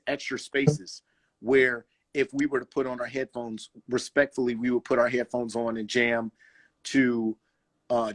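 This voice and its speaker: A man talking casually as a guest roller skater, in an animated way, with loose slang and a habit of restarting phrases. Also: medium pitch. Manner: animated, loose slang, restarts often, says "you know what I'm saying". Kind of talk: casual conversation.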